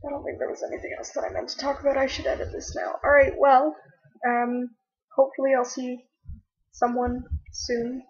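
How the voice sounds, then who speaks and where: Chatty young woman, husky and lo-fi. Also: high-pitched, little pitch movement, fairly quick. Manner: chatty, rambling with many fillers and restarts. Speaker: vlogger. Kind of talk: casual chat to camera. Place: at home, laptop on her knees. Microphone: laptop webcam mic. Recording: dull lo-fi webcam audio.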